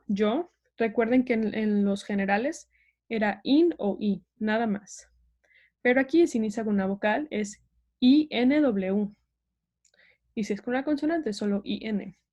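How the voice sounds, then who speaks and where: A woman's voice: mid-range voice, a little mellow, lo-fi sound. A young woman teaching an online language lesson, explaining patiently step by step and having learners repeat words.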